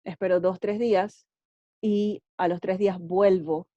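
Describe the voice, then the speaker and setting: A woman's voice: medium pitch, steady tone, unhurried, dark tone, dry recording, lo-fi sound. A woman English teacher giving casual advice on learning languages, often checking in with "ok?" and slipping in English words. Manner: friendly, checks in with frequent "ok?"; mixes English words into speech.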